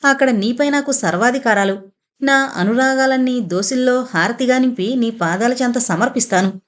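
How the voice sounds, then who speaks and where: A woman's voice: on the high side, moderate pace, close to an everyday voice. Woman voicing a dreamy young woman in love. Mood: rapturous. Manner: rapturous, poetic.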